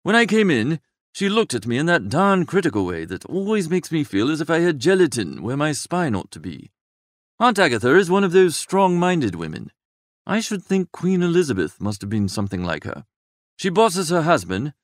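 Narrating a comic storybook in first person as Bertie Wooster, a young gentleman of idle, flippant and languid habits, this man sounds higher-pitched and very animated. He's wordy and breezy, exaggerating drolly, captured in a dry studio-quality recording.

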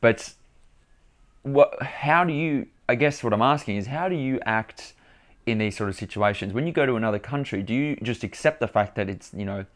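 A young man telling a story to camera in a casual, animated vlog, often restarting and repeating words. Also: medium pitch, normal speed. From Australia. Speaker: vlogger.

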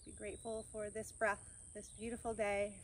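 A woman in her thirties leads an outdoor yoga class on a grassy farm field beneath trees, offering calm, encouraging cues between breaths in a medium-pitched voice at a normal pace. Faint crickets and other country sounds drift in the background.

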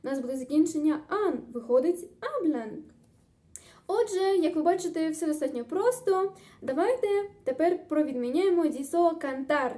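A woman's voice: high voice, lively intonation, normal speed, warm tone. A woman tutor teaching a grammar lesson, explaining step by step in an upbeat, encouraging way. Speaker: Spanish tutor.

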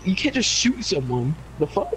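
A young man in casual gaming chat, excitable and urgent, swearing as he role-plays online. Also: high voice, moderate pace, over a noisy crowd, rough recording. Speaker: player in online role-play game.

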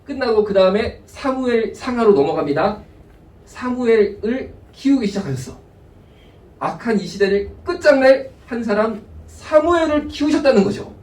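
A male pastor giving a lively sermon, acting out people's words in asides. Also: very high voice, moderate pace, echoey room, far from the mic. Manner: animated preaching, voices God and people in asides. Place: church sanctuary.

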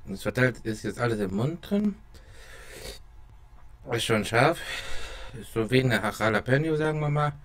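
Halting man, mouth burning from spicy food. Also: mid-range voice, lively intonation. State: mouth watering and burning from chili. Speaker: vlogger doing a hot chili taste test. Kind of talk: casual talk to camera. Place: small dim room at home. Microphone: close desk microphone with pop filter.

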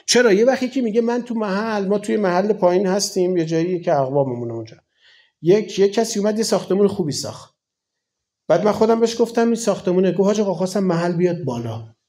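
A man's voice: high-pitched, expressive, dark tone. A man in his forties from Iran, a cleric giving a colloquial, conversational sermon full of rhetorical questions. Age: 40s.

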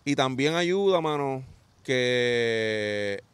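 A man's voice: mid-range voice, very slow, clean tone, no echo. A young man in casual chat as a podcast guest, telling stories with lots of street slang and acting out what people said. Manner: animated storytelling, acting out quotes, street slang.

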